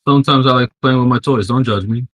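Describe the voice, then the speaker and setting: A man's voice: medium pitch, fast, a bit bright, dry recording. A young man co-hosting a gaming podcast, blunt and wisecracking in an easygoing way. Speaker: podcast co-host. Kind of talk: casual gaming podcast chat.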